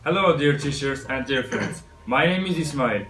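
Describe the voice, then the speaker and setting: A man from Turkey with a Turkish accent, a vocational student haltingly narrating how he assembles a circuit, in broken English. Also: mid-range voice, expressive, a bit bright. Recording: clear music behind voice.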